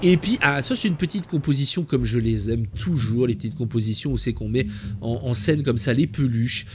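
A man's voice: medium pitch, normal speed, background noise. A man hosting a gameplay tour, chatting in a jokey, enthusiastic way. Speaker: game channel host. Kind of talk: playful gameplay tour commentary.

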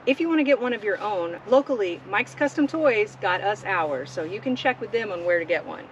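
Middle-aged woman, camp vlog co-host, playful teasing delivery, mid-pitch voice over some outdoor noise. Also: expressive, brisk, lo-fi sound. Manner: playful, joking. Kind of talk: casual product review. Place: outdoors at a riverside campsite.

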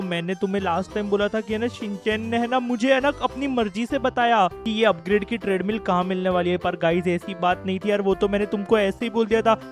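A man giving excited gaming commentary, constantly talking to his viewers. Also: high-pitched. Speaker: gaming video host.

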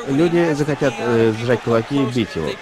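A man's voice: mid-range voice, fairly quick. A man doing translated voice-over commentary on a fight broadcast, speaking as a commentator. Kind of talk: live translated sports commentary.

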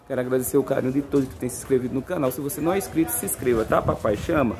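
Racing through a hyped sales walkaround on an outdoor car lot, this car fair vlogger has a mid-range voice with a darkish tone. He's upbeat and leans on repeated catchphrases, recording on his phone over the crowd chatter of the fair.

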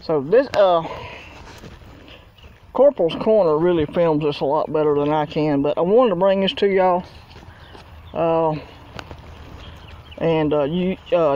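High-voiced man, lo-fi phone audio. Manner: folksy, rambling, talks while working with his hands. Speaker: outdoors vlogger. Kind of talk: casual hands-on demonstration. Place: outdoors in a yard. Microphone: handheld phone camera. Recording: dull lo-fi phone audio, faint outdoor noise.

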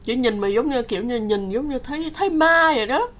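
A woman's voice: a little high, animated, a little fast, fairly bright tone. A woman vlogger casually telling her viewers a story, chatty, laughing often and acting out the quotes. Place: home in Canada.

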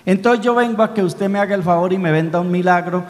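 Brief: earnest little boy, high pleading voice, Santander accent, a priest putting him on in a sermon, church echo. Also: fast talker, natural voice. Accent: Colombian Santander.

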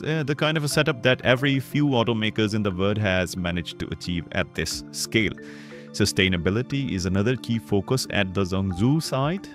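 A man with a fairly low voice narrates an explainer in a relaxed, conversational voice-over. He now and then trips over a word and restarts it. Soft music plays faintly underneath. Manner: slips and restarts mid-word. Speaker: documentary narrator.

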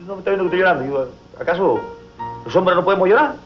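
A man's voice: sits high, lively intonation, very fast. An actor playing a lovesick, self-pitying comic man with a Venezuelan accent, rambling melodramatically. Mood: lovelorn. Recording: dull TV audio with music.

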